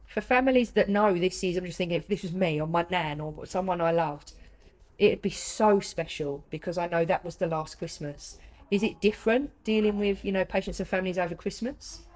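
A woman's voice: mid-range voice, poor audio. A British woman hosting a conversational interview in an empathetic, chatty, affirming way. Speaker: interviewer and host.

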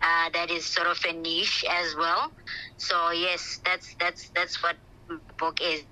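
A woman's voice: fairly low pitch, completely flat delivery, measured pace, sharp tone. A woman author answering interview questions over a phone line while travelling on the road, often hesitating and repeating words as she searches for them. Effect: heard over a phone line. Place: in a moving vehicle on the road. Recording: phone call, voice breaks up and drifts from the mic.

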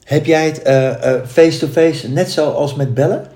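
A man's voice: fairly high pitch, measured pace, mellow. Hesitant man, echoey room. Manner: hesitant, stammering restarts. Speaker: podcast co-host. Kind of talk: casual chat.

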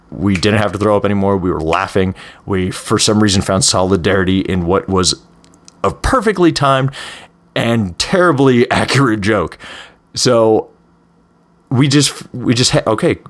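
A man's voice: lowish voice, animated, measured pace. A young man hosting a podcast, telling first-person stories in a candid, rambling, conversational way with many fillers. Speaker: podcast host.

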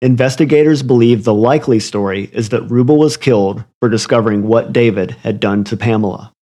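A man's voice: mid-range voice, fairly quick, dark tone. A man narrating a scripted true crime story in an ominous, literary storytelling manner. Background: music under the voice.

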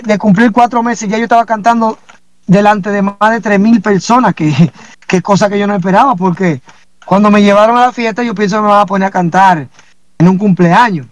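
A man, a singer being interviewed, telling his story in a casual, animated way and acting out the dialogue he quotes. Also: sits high. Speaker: singer guest.

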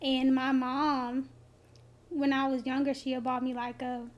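A woman with a high-pitched voice co-hosting a podcast in casual chat, asking pointed, teasing questions. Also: level tone, unhurried. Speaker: podcast co-host.

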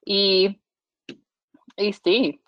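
A Michigan woman in her thirties, a native English speaker, joins a podcast as a guest and speaks halting learner's Spanish packed with restarts and fillers. Her medium-pitched voice stays steady, and the recording is dry and muffled.

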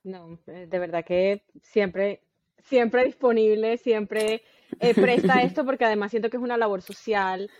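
A woman's voice: medium pitch, unhurried, a little mellow, no room sound. A woman, a podcast guest earnestly explaining parenting through long anecdotes. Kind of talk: casual podcast conversation. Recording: dull, dry sound.

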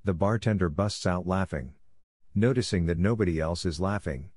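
A man narrating screenplay scene directions in an even, matter-of-fact reading. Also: deep voice, normal speed, no room sound, clean studio sound.

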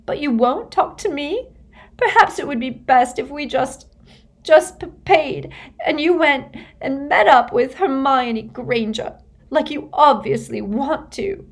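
A tearful teenage girl, as a woman reader puts her on, her voice climbing high and shrill as she cries. She sounds hurt and accusing, straining upward with emotion in a storybook reading. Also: very animated, slow, a little mellow, exaggerated voice. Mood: shrill, upset.

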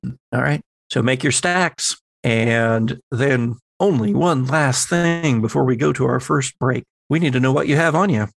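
On a remote group call, picked up by a close personal microphone, a man serving as game master and podcast host walks his players through the rules and guides them with questions. His mid-range voice is a little slow, with vocal fry.

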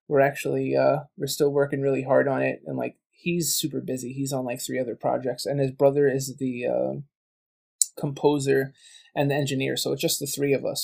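A man's voice: medium pitch, vocal fry, a little mellow. A man guesting on a podcast, chatting casually and telling stories full of quoted back-and-forth. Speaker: guest, game writer and voice actor.

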